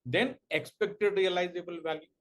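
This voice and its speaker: Professor quizzing his class. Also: high-pitched. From India. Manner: quizzes students, dictates points slowly word by word. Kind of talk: law coaching lecture.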